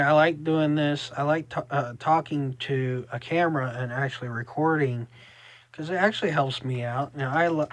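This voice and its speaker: A young man speaks with a Southern American drawl at an unhurried pace. He rambles haltingly, as in a casual solo vlog, and the sound is close and dry, with a middling pitch. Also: a bit bright, no room sound. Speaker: vlogger.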